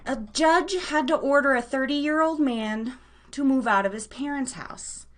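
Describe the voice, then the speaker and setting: In a high, unhurried voice, an American woman hosts a relaxed live radio show. Her style is chatty and bubbly, full of playful invented wording.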